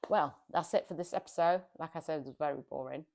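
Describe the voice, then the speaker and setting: A woman's voice: deep voice, fast talker, gravelly, darkish tone. A woman giving casual, exasperated commentary on a reality TV show, scolding the people on it.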